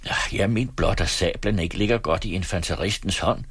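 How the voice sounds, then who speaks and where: A man voicing a sly, stubborn former cavalryman working as a farmhand, speaking plainly with calm, wry scorn. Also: low-pitched, husky, no echo, heavily acted. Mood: earnest.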